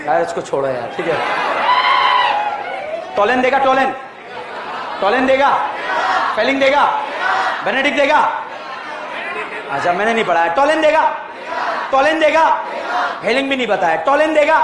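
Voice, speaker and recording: High-voiced joking chemistry teacher quizzing a class. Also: male voice, big pitch swings. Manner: quizzes students with rapid repeated questions; jokey, often calls out loudly. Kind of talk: lively classroom lecture. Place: classroom with students. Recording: echoey room with crowd noise.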